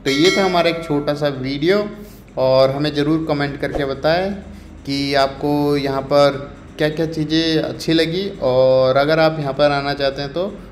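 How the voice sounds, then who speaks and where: A man's voice: on the high side, steady tone, measured pace, a little hiss or hum. A man from India walking through a night market outdoors, talking casually to viewers with lots of fillers and English words mixed in. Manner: chatty, many fillers, mixes Hindi with English words. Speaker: travel vlogger. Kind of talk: casual walking vlog narration. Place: busy city street market at night, outdoors. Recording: echoey street with faint ambience.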